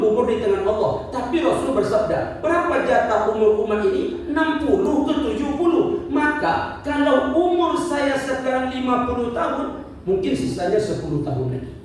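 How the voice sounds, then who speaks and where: A very high-voiced preacher in his fifties delivers a religious lecture full of rhetorical questions and repeated points, with light jokes for the congregation. It's captured from far off in an echoey hall, with a little hiss or hum.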